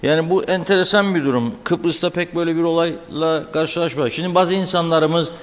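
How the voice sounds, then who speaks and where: A man's voice: a little high, a little fast. A male host interviews a guest; his voice rings with a strong cave-like echo. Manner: questioning, reflective. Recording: echoey, long-reverb remote connection.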